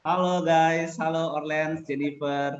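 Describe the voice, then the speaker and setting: A man's voice: fairly high pitch, steady tone, a little slow. Man in his thirties, roomy lo-fi sound. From North Sumatra, Indonesia. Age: 30s. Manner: laughing, hesitant storytelling. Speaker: teacher, podcast guest. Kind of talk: casual interview chat. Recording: roomy, dull lo-fi with faint noise.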